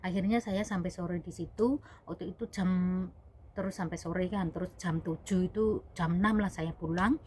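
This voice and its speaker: A woman's voice: on the low side, normal speed, a little mellow, slight background noise. A young woman vlogger, a domestic worker abroad, telling a personal story in a rambling, self-correcting way and addressing viewers as "guys". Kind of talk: casual spoken storytelling.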